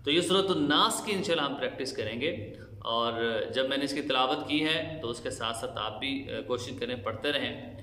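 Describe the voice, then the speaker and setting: A man teaching Quran recitation rules, explaining slowly and chanting the verses in long drawn-out tones. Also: mid-range voice, pushed and bright. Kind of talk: tajweed lesson with chanted recitation. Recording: echoey room with long reverb.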